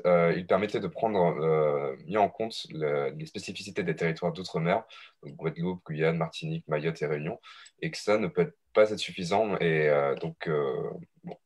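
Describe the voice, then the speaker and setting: Low-voiced man moderating. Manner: polite, hesitant. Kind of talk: moderating an online panel.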